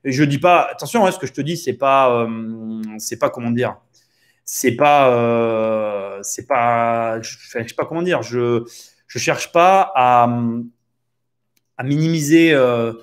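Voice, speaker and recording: A man hosts a real estate podcast in a casual, opinionated monologue full of rhetorical questions, fillers, restarts, and hesitations. His pitch is medium and his pace measured.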